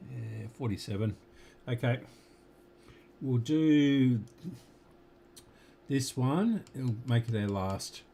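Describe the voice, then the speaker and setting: A man's voice: medium pitch, expressive, vocal fry, dark tone, slight background noise. An Australian man casually talking through a radio repair at his workbench, muttering to himself as he works and now and then talking with his mouth full. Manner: slow, muttering to himself while working. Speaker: electronics repair hobbyist.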